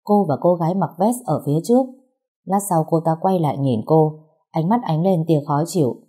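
A woman narrating a dramatic story in a steady, measured way. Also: low voice, husky.

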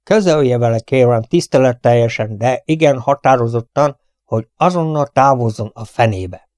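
A man voicing a nervous young prince in uniform who hisses polite threats slowly in an audiobook reading. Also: medium pitch, a little mellow, no room sound, clean studio sound, close to an everyday voice. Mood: irritated, hissing. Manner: slow, hissing threats.

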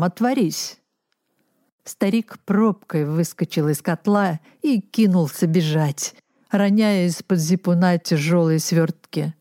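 Brief: woman audiobook narrator, low-pitched and unhurried, measured delivery. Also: dark tone, no room sound, studio quality. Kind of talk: scripted literary narration.

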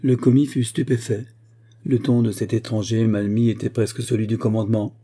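A man narrating a classic novel as an audiobook reader, in a measured, even storytelling manner. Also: lowish voice.

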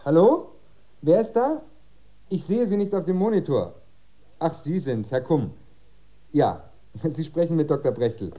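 A man's voice: mid-range voice, expressive, a little slow, long pauses, dull audio. An actor playing a tired, stern middle-aged father and doctor in a radio play, firm and sarcastic.

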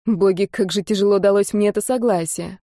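A woman narrating a first-person fantasy audiobook in a steady, expressive reading. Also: mid-range voice, brisk, no echo, studio quality.

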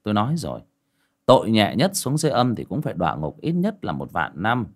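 A man playing a calm young spirit master who scolds a ghost bluntly. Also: on the low side, fairly quick, exaggerated voice. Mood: stern.

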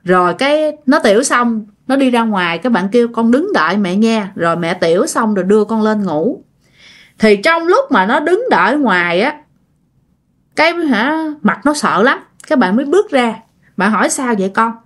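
Woman, casual ghost story narrator, fairly high voice, chatty and direct with listeners. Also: big pitch swings, moderate pace.

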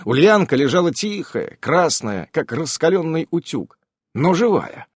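Husky lively male storyteller. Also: fairly high pitch, measured pace, dry recording, clean studio sound. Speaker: audiobook reader. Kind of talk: expressive fantasy audiobook narration.

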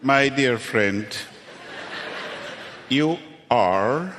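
A man's voice: mid-range voice, animated, extremely slow, fairly bright tone. Man as a pedantic know-it-all, on a hissy live stage recording with a lingering echo. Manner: pedantic, mock-learned lecturing. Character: pompous adult male pronunciation expert. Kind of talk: live comedy sketch. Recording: live stage recording with long reverb and hiss.

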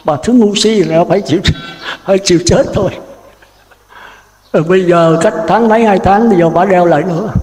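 A Buddhist monk giving a folksy, animated sermon full of stories and laughs. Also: male voice, high-pitched, slight background noise. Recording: echoey hall.

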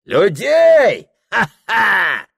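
A man voicing a loud, reckless drunken merchant host who shouts and boasts at a feast. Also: lowish voice, very animated, extremely slow, vocal fry, breathy edge, exaggerated voice. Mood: rowdy drunken.

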